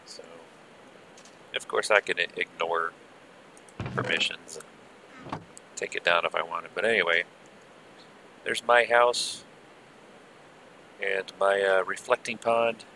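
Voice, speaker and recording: A man giving casual, rambling live gameplay commentary with muttered asides, heard through low-quality stream audio from an old headset. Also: fairly even intonation, takes it slowly, long pauses, bright, forceful tone, a little hiss or hum. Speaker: game server streamer.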